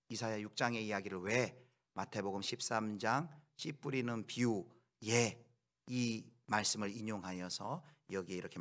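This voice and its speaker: Male pastor, sermon delivery, expressive, sudden raised voice. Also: lowish voice. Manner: preaching with acted quotes and sudden loud outbursts.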